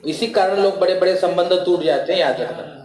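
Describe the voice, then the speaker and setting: Preacher man, folksy devotional storyteller, a bit high-pitched, reverberant room. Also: a little fast, crowd noise. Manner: folksy storytelling with acted quotes and chanted verses. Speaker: kathavachak preacher.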